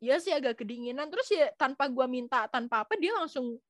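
A woman's voice: sits high, animated, fairly quick, no room sound, studio quality. A young woman chatting casually and telling stories, often acting out the voices of people she quotes. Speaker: guest sharing experiences abroad. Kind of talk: casual chat.

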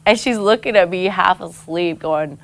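A woman from Samoa, a guest who used to host her own show, telling personal stories in a frank, animated way, laughing often and swearing casually. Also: on the low side, normal speed, creaky. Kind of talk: candid conversational storytelling.

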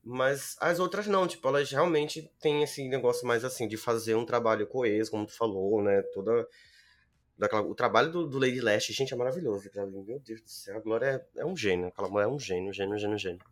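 A man's voice: medium pitch, fast talker. A man with a Brazilian Portuguese accent hosting a casual podcast chat in a campy, slangy, emphatic way.

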